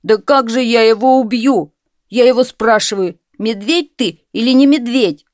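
Woman reader doing a brash, dim young hunter, slow and loud, for a storybook tale. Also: fairly high pitch, dry recording, clean studio sound, pitched above the performer's own voice, natural voice. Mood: boastful. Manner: loud, eager, drawn-out exclaiming. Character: boastful dim-witted young male hunter.

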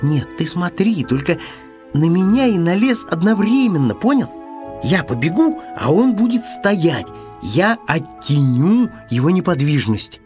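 A small, excitable hedgehog from a storybook, insistent and a little bossy, his high voice leaping all over the place, as a man reading the tale puts him on. He lectures his friend in a squeaky, animated voice. Faint music plays behind him. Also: measured pace.

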